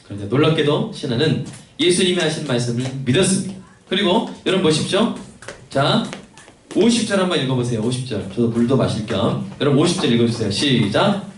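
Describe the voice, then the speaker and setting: A male pastor preaching a sermon in a lively way, acting out little conversations for his congregation. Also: mid-range voice, fairly quick. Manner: animated, acts out dialogue. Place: church sanctuary. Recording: echoey church hall, mic at a distance, faint noise.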